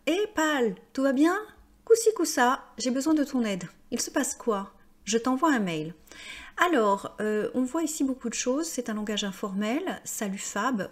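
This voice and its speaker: A woman teaching French grammar, explaining slowly with frequent hesitations and fillers. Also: medium pitch. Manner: slow, hesitant, many fillers.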